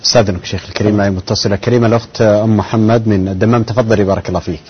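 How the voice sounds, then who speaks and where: A man hosting a call-in program, courteous and brisk as he takes callers and reads out online answers. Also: on the low side, fairly even intonation, breathy edge. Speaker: program host. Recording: dull broadcast audio.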